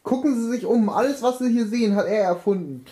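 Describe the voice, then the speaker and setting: A woman improvising an audio story, playful and quick-witted. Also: on the high side, mellow. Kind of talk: improvised story narration and character play.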